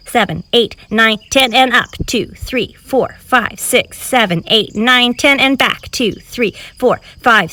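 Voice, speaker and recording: A woman's voice: on the high side, sharp tone, recorded from a distance. A woman leading a home cardio workout, counting reps and cueing moves while exercising, slightly out of breath. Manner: encouraging, counts reps aloud while moving. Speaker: fitness instructor. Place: filmed outdoors in public.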